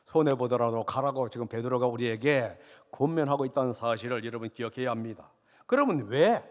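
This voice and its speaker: A man preaching a sermon as pastor, earnest, swelling louder on key points and dropping low at the ends of phrases. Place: church sanctuary. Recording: long church reverb.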